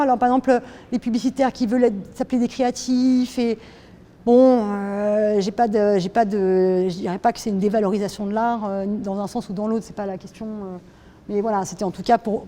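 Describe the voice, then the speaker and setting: A French woman artist casually walks listeners through her own drawing, hesitating often and restarting her sentences amid plenty of fillers. Her voice sits on the high side and sounds warm, steady and brisk.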